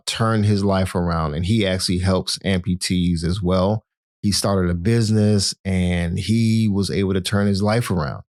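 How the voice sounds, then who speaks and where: A man's voice: fairly low pitch, dry recording, studio quality. A man hosting a health podcast, talking to the listener in an encouraging, motivational way and often calling them "my friend". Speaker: podcast host.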